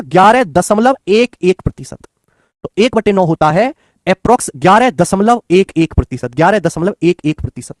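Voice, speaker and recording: A man's voice: high-pitched, a little mellow, no room sound. A man teaches math in an exam-prep lecture. He coaxes his students, calling them children and friends, and goes over each step again and again. The sound is close and dry. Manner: coaxing, repetitive, addresses students as children and friends.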